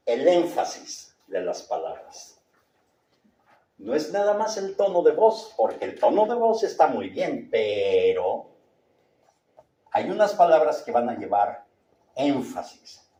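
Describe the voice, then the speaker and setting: A man's voice: a little high, warm tone. A man teaching a class of church readers, demonstrating readings and how to shift the tone of voice. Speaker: lector training instructor. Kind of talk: workshop lesson. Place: meeting room with class. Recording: roomy echo.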